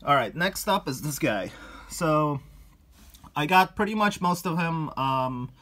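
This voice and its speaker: A man's voice: a little high, lively intonation, a little slow, bright, forceful tone. A man in his thirties giving a casual, rambling walk-through of his collection room, filmed on a handheld phone. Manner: rambling, many ums and uhs, chuckles. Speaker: collector showing his toy pickups. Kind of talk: casual vlog chat. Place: cluttered collection room indoors. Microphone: handheld phone camera, walking around.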